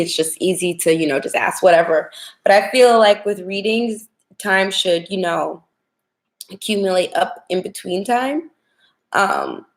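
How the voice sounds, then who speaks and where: A young woman with a medium-pitched, gravelly, smoky whiskey voice, the result of a cold she's getting over, chats casually with livestream viewers as a tarot reader from her home kitchen.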